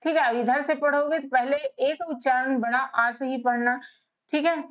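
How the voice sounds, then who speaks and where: A woman teaching a spelling lesson, spelling out letters one by one in a slow, patient way. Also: high voice, fairly even intonation. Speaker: English teacher. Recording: slightly dull lo-fi recording.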